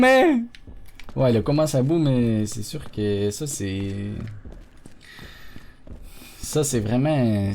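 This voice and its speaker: A medium-pitched man with a Quebec French accent streams live gameplay commentary, excitable, swearing often and talking to his chat.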